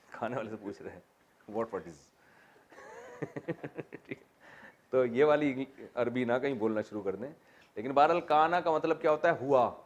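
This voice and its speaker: Male teacher, mid-pitched, lecturing on Arabic grammar, quizzes the class, recites verses slowly. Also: lo-fi sound. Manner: explains step by step and quizzes listeners with questions.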